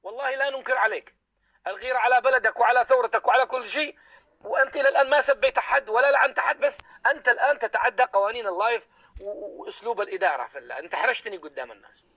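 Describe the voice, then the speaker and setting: Man, live debate host, headset, pleading, bright tense voice, very high pitch. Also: very fast, dry recording. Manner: pleading, repeats calls for calm. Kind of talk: heated online debate moderation.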